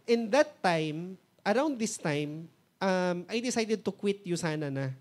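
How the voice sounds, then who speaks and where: A man's voice: high voice, lively intonation, slow. A man in his thirties from the Philippines with a Filipino accent. He is a mentor telling his own success story, switching between Tagalog and English and acting out remembered conversations. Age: 30s. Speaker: mentor and motivational speaker. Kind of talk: personal success story talk.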